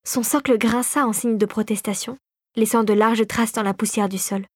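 A woman narrates a storybook in a calm, measured way. Her voice sits a little high for a woman. The sound is dry and close, with no room echo.

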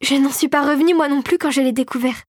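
A woman voicing an eager, excitable young girl inventor in an audiobook, in a high, breathless voice. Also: fast talker, no echo, clean studio sound, lightly acted. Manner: breathless, excited, pitched high above the narration. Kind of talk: audiobook character voice.

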